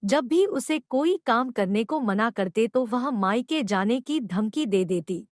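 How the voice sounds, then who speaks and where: A woman's voice: fairly high pitch, lively intonation, slow, no echo, studio quality. A woman narrating a cartoon story in a plain, scripted storytelling manner.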